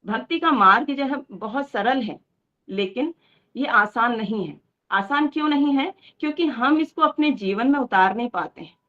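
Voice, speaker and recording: A woman with a fairly high voice gives an earnest devotional talk. She tells a moral story and keeps asking rhetorical questions. The recording sounds dull and lo-fi. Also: expressive, normal speed. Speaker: devotional speaker.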